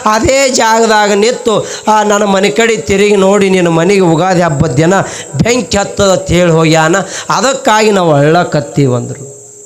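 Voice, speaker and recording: A man with a North Karnataka Kannada accent preaching a storytelling sermon and acting out the characters' voices. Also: on the high side. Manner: acts out characters' voices while telling a story.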